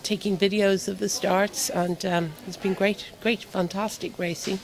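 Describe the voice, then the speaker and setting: A middle-aged woman telling stories in a warm, rambling way during a casual interview. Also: mid-range voice, little pitch movement, unhurried, faint music behind, poor audio. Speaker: volunteer at the event.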